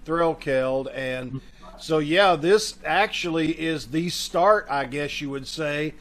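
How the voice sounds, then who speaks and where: Hosting for a community theater troupe, a man whose voice is a little higher than most gives a casual welcome over a video call. He talks slowly in a fairly bright tone, informally addressing the audience directly.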